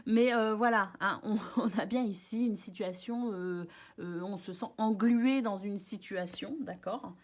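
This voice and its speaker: A woman's voice: mid-range voice, unhurried. A French-speaking woman doing a casual tarot card reading for her viewers, chatty and reassuring, with many hesitations and restarts. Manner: soft, reassuring.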